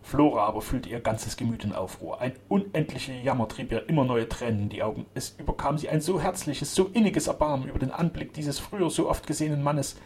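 A man reading a serialized adventure novel aloud in a steady, measured way. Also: medium pitch, slight background noise. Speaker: audiobook reader.

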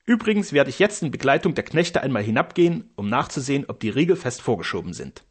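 A man's voice: medium pitch, sing-song, fast talker, slightly rough. A man voicing a boastful old castle steward with pompous, theatrical bluster. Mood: proud.

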